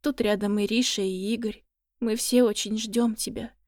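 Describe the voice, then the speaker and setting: A woman voicing a grieving mother with a hoarse voice, murmuring softly. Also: mid-range voice, fairly even intonation, moderate pace, no room sound, clean studio sound, lightly acted. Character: grieving mother at a hospital bed.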